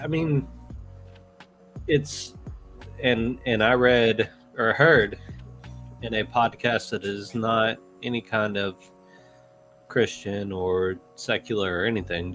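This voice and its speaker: A man's voice: fairly low pitch, fairly bright tone. A man co-hosting a casual podcast chat, talking loosely and often searching for his words. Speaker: co-host.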